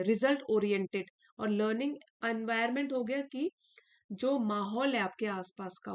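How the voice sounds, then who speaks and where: A young woman teacher with a somewhat high voice reads English lines slowly and clearly. Then she explains each word in everyday Hindi. Her delivery is patient and steady, the tone of a classroom lesson.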